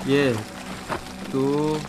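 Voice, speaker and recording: A man's voice: mid-range voice, flat delivery, lightly acted, poor audio. An actor playing a friendly, deferential man in film dialogue, using casual street slang. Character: grateful friendly man asking a favor. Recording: film soundtrack with music.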